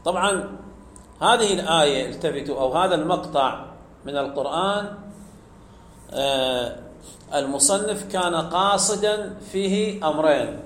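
A man's voice: a little high, normal speed, long pauses, fairly bright tone, a little hiss or hum. A man teaching grammar in a classroom lecture, explaining step by step, quizzing his students and drawing out key words. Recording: echoey room.

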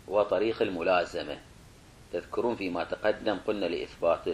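Low-voiced man giving a methodical lecture. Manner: methodical, repeats and rephrases points; asks rhetorical questions to the class. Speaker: religious studies teacher. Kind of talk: classroom lecture.

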